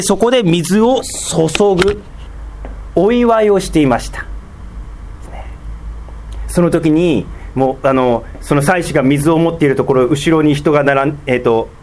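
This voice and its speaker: Animated Japanese pastor preaching slowly. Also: male voice, on the high side. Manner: slow, deliberate teaching with frequent fillers and rising emphasis. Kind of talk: sermon.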